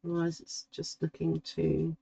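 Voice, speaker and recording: A middle-aged woman, slowly talking through a drawing as she works and musing to herself. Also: deep voice, completely flat delivery, gravelly, mellow, slight background noise, poor audio. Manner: slow, musing, talks to herself while drawing. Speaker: art tutor. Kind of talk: relaxed painting tutorial.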